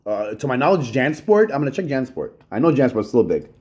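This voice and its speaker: A man's voice: medium pitch, sing-song, a little fast, darkish tone. A middle-aged man, rambling profanely in a solo monologue about his childhood, repeating himself and saying "yo" often. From Long Island, New York. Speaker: channel host.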